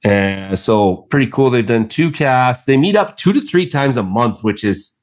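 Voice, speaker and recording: A man's voice: medium pitch, expressive, unhurried. Chatty enthusiastic man, rambling podcast host. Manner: enthusiastic, rambling with fillers and restarts. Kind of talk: casual chat.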